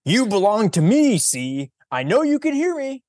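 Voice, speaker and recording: Storybook figure: a greedy, commanding man, put on by a male reader, loud, slow, dry mic. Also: mid-range voice, expressive, husky, no room sound. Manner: bossy, loud and commanding, stretched slow words. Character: boastful, possessive grown man claiming everything.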